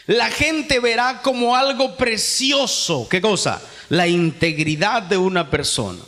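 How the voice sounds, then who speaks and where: Lively high-voiced Peruvian preacher in a hall. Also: male voice. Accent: Peruvian Spanish. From Peru. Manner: asks rhetorical questions and answers them himself; reads scripture aloud, then explains it. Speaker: youth conference preacher. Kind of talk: sermon. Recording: long reverb of a large hall.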